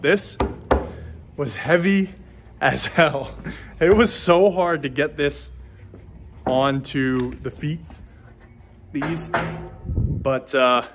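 A young small business owner in his twenties films a casual vlog indoors in an empty warehouse and office, phone camera at arm's length. Thinking aloud with fillers and restarts, he speaks in a voice on the low side with a fairly bright tone.

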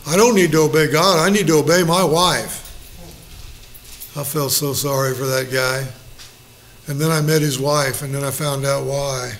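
A man's voice: a little high, a bit bright. A middle-aged male pastor leading a Bible study, folksy and joking, acting out little quotes.

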